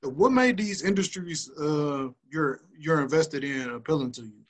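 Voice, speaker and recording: A man's voice: a little high, a little slow. A man interviewing a podcast host in a casual way, repeating words as he builds his questions. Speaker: guest interviewer.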